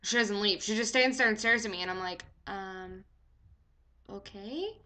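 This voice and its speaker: A young woman telling a story in a chatty, animated vlog, full of "like" fillers. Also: mid-range voice, fast talker. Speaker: vlogger.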